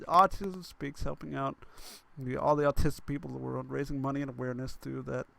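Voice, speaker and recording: A man calling a wrestling show as play-by-play commentator. He talks excitably, tripping over names and correcting himself. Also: mid-range voice, fairly quick, vocal fry, no room sound.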